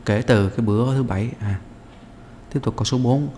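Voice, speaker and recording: A man's voice: mid-range voice, brisk, mellow, long reverb tail, slight background noise. A male English teacher going through a practice test answer by answer, explaining step by step with many hesitant fillers. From Vietnam.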